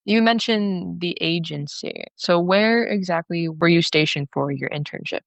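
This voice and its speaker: A woman hosting a podcast interview, introducing the guest and asking questions briskly. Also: lowish voice, creaky, no echo. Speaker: podcast host.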